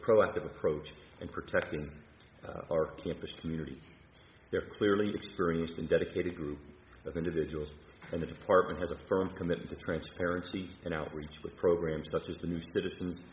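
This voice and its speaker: A man, a university leader, delivering a measured prepared speech with occasional fillers and restarts, from a podium in a large hall. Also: low-pitched, a little hiss or hum. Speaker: university president. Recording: roomy, dull hall recording.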